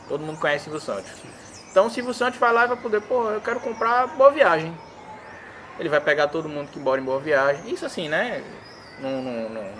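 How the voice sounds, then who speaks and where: Quick guy explaining stuff, acts out little quotes, slightly high voice, faint noise behind. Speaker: interview guest. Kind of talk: casual explanatory talk.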